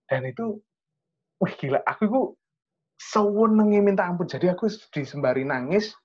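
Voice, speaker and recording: A man's voice: high voice, lively intonation, moderate pace, husky, lo-fi sound. A young man with an East Javanese accent tells a personal story in casual chat, earnest and rambling. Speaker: storyteller sharing a testimony.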